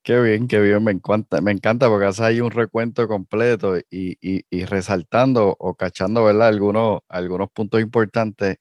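A man's voice: fairly low pitch, fairly even intonation, normal speed, hardly any pauses, no echo, lo-fi sound. A man hosting a podcast, affirming his guest and summarizing before asking his next question. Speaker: podcast host. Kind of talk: interview questions.

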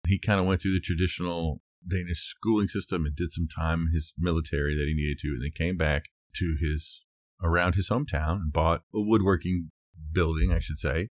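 A podcast co-host chats and tells stories in an informal, easygoing way, with a deep, steady voice and a brisk pace. The recording is clean studio sound with no room sound.

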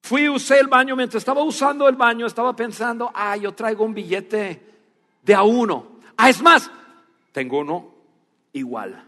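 Pastor, high tenor, earnest storytelling sermon, recorded with hall reverb. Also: male voice, normal speed. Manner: animated storytelling, then hushed and earnest. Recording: long reverb of a church hall.

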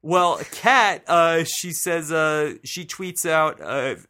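Bright-voiced joking male podcast host. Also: a little high, takes it slowly. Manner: laughs often, loose and joking. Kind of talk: casual podcast chat.

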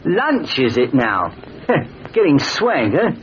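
A wry drifter sounds high and lilting as he chats. He is broke and eager. The dull old radio recording carries a crowd murmuring behind him. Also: huge pitch swings, slow, heavily acted.

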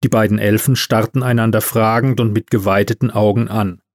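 A man narrating a story in an animated, vivid way. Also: on the low side, brisk, no echo, clean studio sound.

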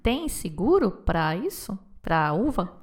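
A woman's voice: medium pitch, sing-song, takes it slowly. A woman hosting a podcast, chatting casually and asking her guests follow-up questions. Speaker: podcast host. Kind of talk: casual interview chat.

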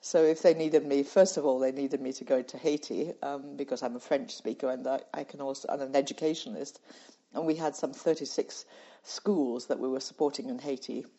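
Speaking in a husky bass voice with a dark tone, an older British woman talks briskly with fairly even intonation. She is an interview guest and former charity president who tells reflective stories and laughs easily, and the recording is slightly muffled and lo-fi.

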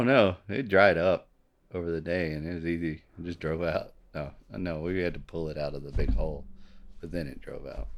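A male podcast co-host telling a story in casual chat, laid-back, laughing often and swearing casually. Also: a bass voice.

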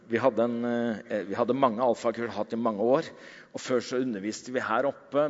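A middle-aged man preaching a sermon as pastor, telling stories animatedly and moving between loud emphasis and quiet passages. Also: medium pitch. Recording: dull sound with long hall reverb.

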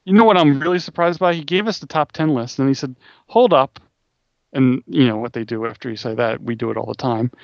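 A man's voice: medium pitch, quick pace, creaky, few pauses, no echo, muffled recording. A man co-hosting a podcast, casually chatting about music with dry, mock-serious teasing. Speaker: podcast co-host.

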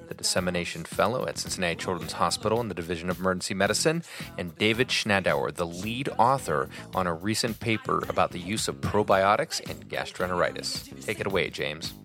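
A man's voice: low-pitched, brisk. A man hosting a medical podcast, reading an upbeat scripted introduction. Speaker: podcast host. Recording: guitar music under the voice.

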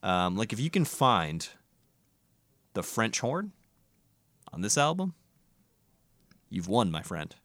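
A man's voice: on the low side, sing-song, slow, pauses often, a bit bright, dry recording. A man hosting a casual music podcast, reviewing records in an enthusiastic, profane, rambling way.

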